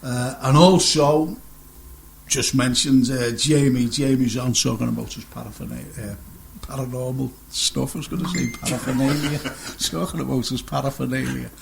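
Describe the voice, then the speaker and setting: A man's voice: mid-range voice, steady tone, normal speed, vocal fry, slight background noise. A middle-aged man hosting a casual radio chat show, rambling and joking and laughing often.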